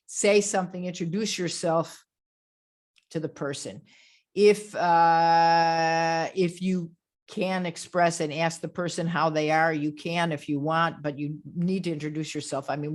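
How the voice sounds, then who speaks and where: A woman grief counselor giving a webinar lecture. She speaks directly, repeats her key phrases and often closes a point with "okay?". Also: fairly low pitch.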